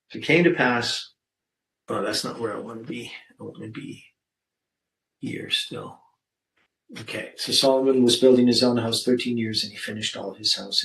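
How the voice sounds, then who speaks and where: A man's voice: medium pitch, moderate pace, fairly bright tone, low-quality recording. Man leading a Bible study, thinking aloud. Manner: thinks aloud, reads scripture verses aloud.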